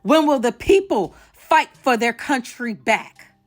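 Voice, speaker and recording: A woman's voice: fairly high pitch, expressive, takes it slowly, soft background music. A woman from the United States hosting an online show, giving impassioned commentary to camera, emphatic and outraged, repeating phrases for stress.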